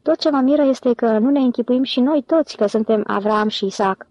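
A woman voicing a gloomy, grumbling old male bookkeeper with a metallic, shrill voice. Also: darkish tone, no echo, highs cut off. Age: older.

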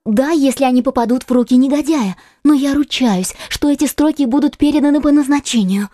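A devoted young maid swears loyalty in a very high, fervent falsetto, as a male reader puts her on. She rushes her words and pushes them out loudly. The sound is dry and close. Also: dry recording. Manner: fervent, rapid, earnest falsetto. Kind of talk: audiobook character voice.

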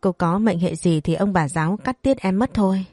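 A frightened young servant girl, pleading and wailing in a whiny way, as a woman reads her. The voice stays low and mellow. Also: normal speed, no echo, studio quality.

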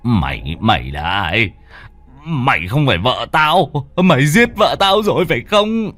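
A man voicing a frightened older father who stammers and shouts back at a demon. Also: medium pitch, very animated, unhurried, faint music behind. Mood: fearful. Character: frightened older father clutching a Buddha statue.

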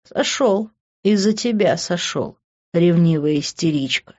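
Brief: narrator doing a young male lover, low and soft-spoken, muffled audio. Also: expressive, unhurried. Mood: scornful. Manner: low, hushed pleading. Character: young man, brusque lover turned tender.

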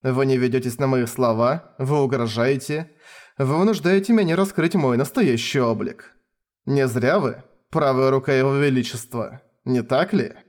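A man voicing a cold, composed male colonel who speaks calmly and deliberately. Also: mid-range voice, lightly acted. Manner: calm, icy, measured.

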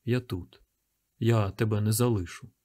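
A man voicing a desperate father hiding with his son, speaking in a hushed, urgent whisper. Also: lowish voice, fairly even intonation, unhurried, lightly acted.

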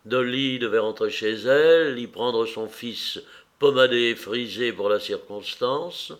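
This audiobook reader is a man whose mid-range voice carries a classic novel in a measured, expressive way.

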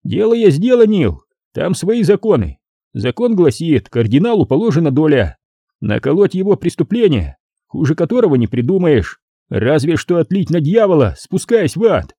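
Audiobook role: male narrator plays a cold, menacing gangster boss near sixty, pitched up and swinging. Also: sing-song, normal speed, warm tone, slightly rough, no echo, studio quality, heavily acted. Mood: lecturing. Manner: menacing, mocking.

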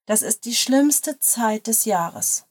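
Woman reading a cynical female lawyer, storybook; lift the voice, push it louder and sharper. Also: lively intonation, slow. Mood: exasperated. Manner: exclaiming, higher and louder than the narration.

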